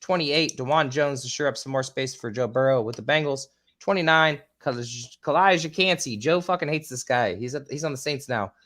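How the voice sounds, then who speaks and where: A man hosting a casual podcast, rattling off a list with filler ums and casual swearing, his voice a bit squeaky. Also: fairly quick, few pauses, a bit bright. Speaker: podcast host.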